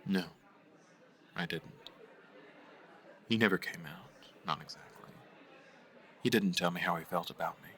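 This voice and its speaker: A guilty young man in an audio drama; low, bright voice, soft and halting, drops to near-whispers. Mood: wistful. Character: guilt-ridden young man, former friend. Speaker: [name].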